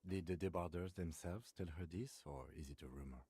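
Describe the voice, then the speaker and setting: A reserved police lieutenant from a video game, with a low, dark, husky voice. He speaks calmly and precisely, in a dry recording. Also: fairly quick, no room sound.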